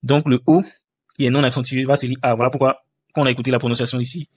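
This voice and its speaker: A man's voice: medium pitch, steady tone, fast talker, breathy edge, no room sound. A man teaching a language lesson over a screen-share tutorial, hesitant, with many fillers and restarts.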